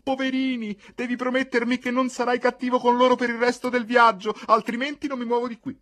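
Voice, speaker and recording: A man voicing a fussy, pampered young woman who pleads in a shrill voice in an audiobook reading. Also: level tone, a little fast, fairly bright tone. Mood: pleading shrill.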